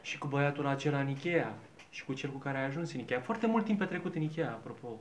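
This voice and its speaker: A man's voice: medium pitch, a little hiss or hum, natural voice. A man playing a mock-solemn, patient Jesus who welcomes souls at heaven's gate in an improvised comedy sketch.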